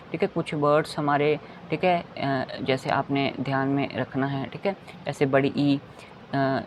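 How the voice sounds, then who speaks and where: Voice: mid-range voice, a little hiss or hum. A phonics teacher giving a kindergarten lesson, spelling out letters one by one and repeating each word. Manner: says "theek hai" between points.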